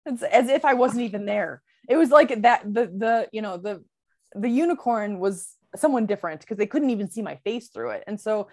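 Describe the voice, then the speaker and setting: Bubbly woman with a lively voice. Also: mid-range voice, moderate pace. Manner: bubbly, laughs often. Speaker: podcast co-host. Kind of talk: casual chat.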